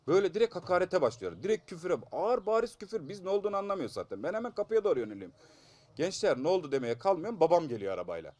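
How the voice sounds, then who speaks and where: A man's voice: high voice, big pitch swings, rapid-fire, a little mellow. A man in his thirties with a blocked, congested nose, telling a news interviewer about an assault in an urgent, aggrieved and pleading manner. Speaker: assault victim giving a statement.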